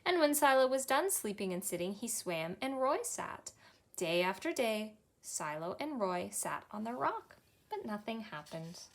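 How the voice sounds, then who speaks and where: Here the Canadian librarian, a woman in her thirties, speaks in a mid-range voice and reads a little slowly. She shares a picture book with cheerful, expressive storytime energy in a small library room indoors.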